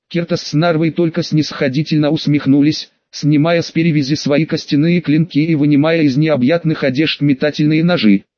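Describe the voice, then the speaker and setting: A man's voice: a little high, dry recording, dull audio. Man reading a fantasy audiobook. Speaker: audiobook narrator. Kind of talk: scripted audiobook narration.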